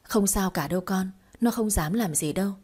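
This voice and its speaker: A woman voicing a calm, protective middle-aged mother in a read-aloud story, with a mellow voice. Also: medium pitch, moderate pace, breathy edge, natural voice. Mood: calm firm. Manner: soothing, steady.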